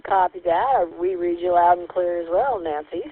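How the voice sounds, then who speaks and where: A woman's voice: fairly low pitch, moderate pace. A woman acting as net controller over a two-way radio, running check-ins with friendly, methodical radio procedure. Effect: heard over a two-way radio. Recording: tinny radio-band sound.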